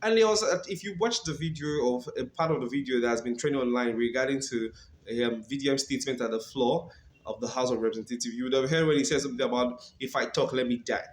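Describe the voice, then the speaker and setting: A man's voice: mid-range voice, fast, roomy sound. A Nigerian man hosting a legal commentary channel, talking casually and animatedly, often saying "come on".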